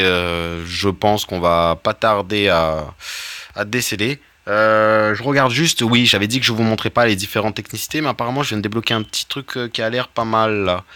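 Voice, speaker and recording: A man's voice: lowish voice, bright, forceful tone, no echo. A man giving casual, rambling gameplay commentary, full of fillers, swearing and jokey asides. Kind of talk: casual let's play commentary.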